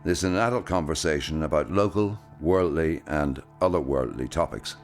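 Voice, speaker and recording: A man reading a scripted podcast intro in a measured, announcing manner. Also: very deep voice. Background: faint music.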